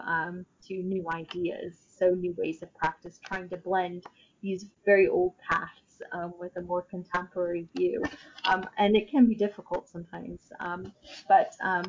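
Woman, lowish pitch, flat intonation, halting thoughtful delivery, casual interview guest, dull recording with faint noise. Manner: hesitant, halting, thoughtful phrasing. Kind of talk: casual interview, explaining personal practice.

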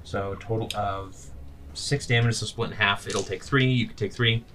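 Game master, male, low voice, casual tabletop narration, slightly off-mic with faint noise. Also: fairly even intonation, normal speed, recorded from a distance.

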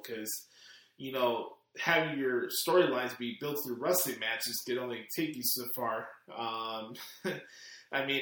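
Fielding listener questions on his podcast, a man from Chicago, United States, wanders along with fillers and false starts in a relaxed Q&A. He speaks at a middle pitch for a man with a bright, forceful tone, and heavy echo suggests a bare room.

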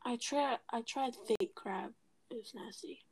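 A woman's voice: on the high side, measured pace. A young woman co-hosting a casual podcast, sassy and giggly, sometimes dropping into a whisper. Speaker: podcast co-host. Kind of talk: casual chat.

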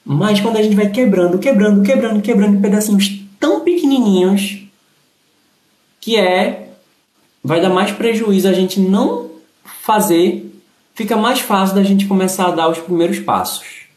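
A man's voice: high-pitched, moderate pace, darkish tone. A man with a Recife Brazilian accent who says s as a slushy sh, giving a casual motivational livestream talk, explaining and thanking viewers. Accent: Recife Brazilian Portuguese. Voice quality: slushy sh sound for s. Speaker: livestream host. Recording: echoey, roomy sound.

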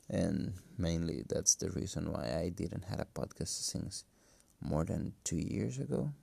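Low, creaky, cracking-voiced man, non-native English. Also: mellow, no echo. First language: not English. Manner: halting, hesitant, thinking aloud. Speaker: podcast host. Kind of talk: casual solo podcast monologue. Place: empty room. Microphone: phone.

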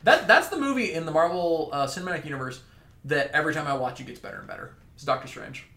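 A man's voice: a little high, animated, fast, vocal fry, sharp tone, roomy sound. A man co-hosting a podcast, chatting eagerly as a fan. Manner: enthusiastic, chatty fan talk. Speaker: podcast co-host. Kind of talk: casual chat.

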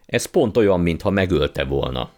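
A man's voice: low voice, expressive, darkish tone. A man voicing an earnest young boy who protests against his uncle. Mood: indignant.

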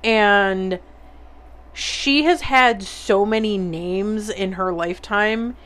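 A woman's voice: mid-range voice, fairly bright tone. Young woman podcast host, laughy and sweary, just chatting casually. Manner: laughing often, swearing, quick asides. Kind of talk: casual chat.

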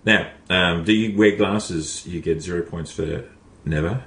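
A man's voice: low voice, a little slow, fairly bright tone. A man hosting a casual podcast, rambling with lots of restarts and fillers. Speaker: podcast host. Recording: echoey room, faint ambience.

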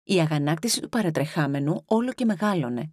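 Woman, storybook narrator, low-pitched, dry close mic, expressive reading. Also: no room sound. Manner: expressive, voices the animals. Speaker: audiobook narrator.

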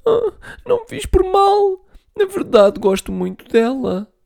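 Man voicing a young boy mouse, bossy big brother, excitable, raised high voice. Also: slow, heavily acted. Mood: upset.

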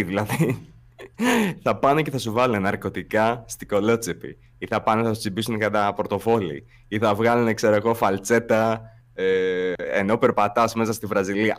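Young dude with a low voice, riffing and telling funny stories casually. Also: male voice. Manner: animated storytelling with jokey sound effects. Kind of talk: casual chat.

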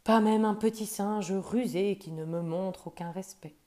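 A woman voicing a kind old male buffalo in a children's storybook, speaking modestly and softly. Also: mid-range voice, measured pace, lightly acted. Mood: gentle. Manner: modest, soft-spoken.

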